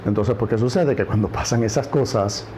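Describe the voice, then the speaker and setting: A man's voice: on the low side, fairly quick, dark tone, slight background noise. A man with a Puerto Rican accent giving political commentary on a news program, stressing points by repeating words. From Puerto Rico.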